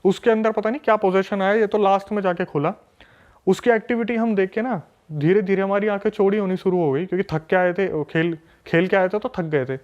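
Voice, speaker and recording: A podcast guest, a man from a city, telling a story in an animated, emphatic way with lots of repetition. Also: high-pitched, fairly quick. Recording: dull lo-fi recording.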